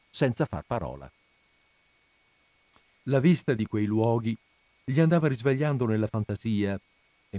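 A man reading a classic novel aloud in measured, even scripted narration. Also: on the low side, no room sound. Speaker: audiobook reader.

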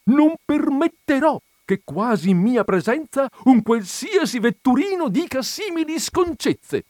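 Brief: man putting on a pompous older widow for a read-aloud story, high and lively, dry close sound. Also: unhurried, no room sound. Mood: indignant. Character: fussy indignant older widow, a colonel's wife.

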